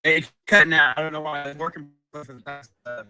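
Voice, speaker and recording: A man comes through a weak online call that keeps cutting out, his voice faint and far off. The audio drops away mid-phrase while he talks in halting bits, trying to reconnect. His tone is sharp and piercingly bright, with faint music underneath. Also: fairly high pitch, steady tone. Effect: weak call connection breaking up and cutting out. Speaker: show panelist. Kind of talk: casual chat.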